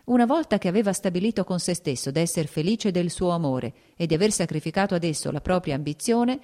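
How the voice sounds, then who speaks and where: A woman reading a classic novel aloud as an audiobook narrator, in a steady, even storytelling manner. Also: on the low side, fast talker. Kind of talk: scripted literary narration.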